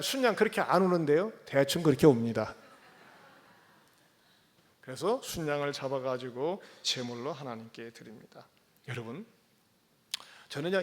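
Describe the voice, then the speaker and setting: High-voiced pastor preaching in echoey hall. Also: male voice. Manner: dramatic storytelling, swinging between hushed and loud. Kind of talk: sermon. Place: church sanctuary.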